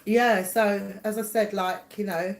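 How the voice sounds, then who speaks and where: A woman's voice: medium pitch, fairly even intonation, unhurried. Woman, middle-aged, casual live chat, rambling, laughs a lot, greets viewers by name, home. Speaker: livestream host and psychic reader. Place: home, indoors.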